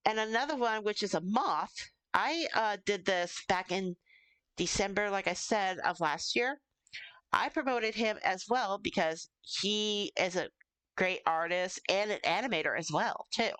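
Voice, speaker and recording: Woman streamer just chatting, smooth clean voice, kinda rambly and playful, dry sound. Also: lowish voice, fairly bright tone, no room sound. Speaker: streamer hosting an interview stream. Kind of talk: casual chat.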